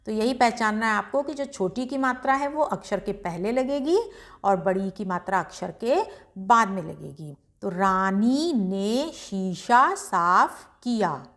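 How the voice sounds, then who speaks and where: A woman teaching beginners to read Hindi, sounding each word out slowly before explaining it briskly. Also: mid-range voice, animated, fairly bright tone. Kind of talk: slow syllable-by-syllable reading lesson.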